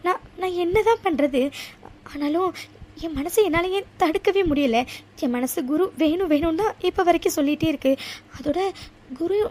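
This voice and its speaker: A woman's voice: very high voice, a little mellow. A woman voicing a young college woman who is confused about love and snaps at her friends in a cartoon story. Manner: fast, exasperated, rising to anger.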